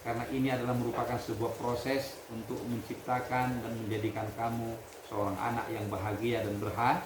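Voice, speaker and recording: A man leading a religious lesson for students, reading Arabic text, explaining it and quizzing his class in a lively way. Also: medium pitch, fairly quick. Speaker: pesantren leader teaching students. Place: hall at a pesantren. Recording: echoey room with background noise.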